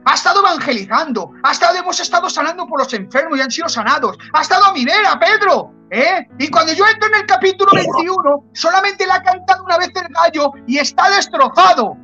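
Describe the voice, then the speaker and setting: A man from Spain voicing the Lord as a calm, patient divine voice, in a sermon. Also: very high-pitched, fast, few pauses, muffled recording, faint music behind, heavily acted. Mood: explaining. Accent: Spain Spanish.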